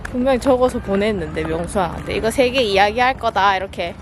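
A woman with a medium-pitched voice chats briskly in a casual running vlog, recorded outdoors in town and at sports grounds amid crowd and traffic noise. Between announcements she mutters grumbling asides.

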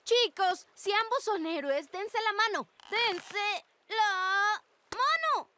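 Sensible, scolding cartoon girl, Latin American Spanish, piercing high pitch, forceful. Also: expressive, slow pace, a little hiss or hum, exaggerated voice. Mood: exasperated. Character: bossy, sensible ten-year-old girl. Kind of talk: cartoon dub acting.

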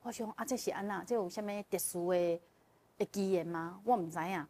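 A woman as a guest telling a personal story in casual chat, animated and often laughing as she relives the emotion. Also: on the low side, brisk. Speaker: guest sharing a personal testimony.

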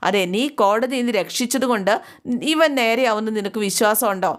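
A woman's voice: on the high side, a little fast, close to an everyday voice. A woman voicing a stern old schoolmaster father. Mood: stern, scornful. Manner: scornful, unbending.

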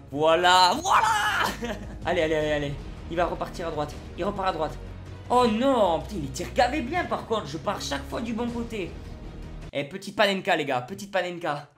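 A man giving excited live commentary on his own football video game match at home, swinging between loud shouts and low muttering. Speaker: gaming YouTuber. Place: at home alone.

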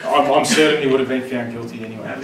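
A Syrian-born man in his thirties answers a question on a conference panel, standing in a large lecture room with a handheld mic. His mid-range voice starts out conversational and full of fillers, then builds in force. The recording, from a distant camera, has a roomy echo and audible room noise.

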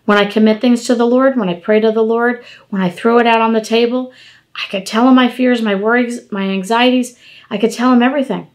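Animated woman giving a home devotional. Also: fairly high pitch, brisk. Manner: animated, gesturing, conversational preaching. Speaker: devotional podcast host. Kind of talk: informal devotional talk. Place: home dining room, indoors.

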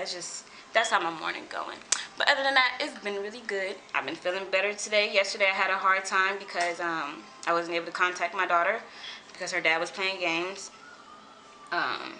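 A woman's voice: on the low side, a little hiss or hum, rough recording. A woman in her twenties from California, talking casually and swearing freely in a home vlog. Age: 20s. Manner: animated, swears freely, repeats herself. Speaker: vlogger.

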